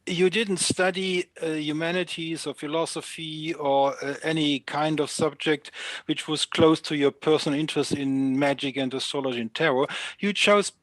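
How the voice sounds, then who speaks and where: Man, German native speaker, interviewer, fairly high voice, hesitant with fillers, dry close sound. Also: fairly even intonation, moderate pace, dry recording. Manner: hesitant, many fillers between questions. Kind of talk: interview questions.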